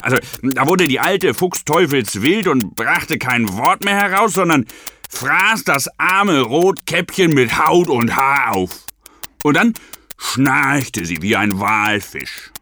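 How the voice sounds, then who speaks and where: A man's voice: medium pitch, expressive, slow pace, bright, forceful tone, slight background noise. A man telling a fairy tale comically, in the manner of an old sailor spinning a yarn, with mock-earnest asides. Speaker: storyteller.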